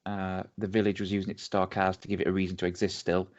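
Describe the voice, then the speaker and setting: On dull lo-fi audio, an English-accented man with a low-pitched, monotone voice talks fast. He's a podcast co-host recounting a distillery's story in a chatty, rambling manner, with lots of ums and restarts.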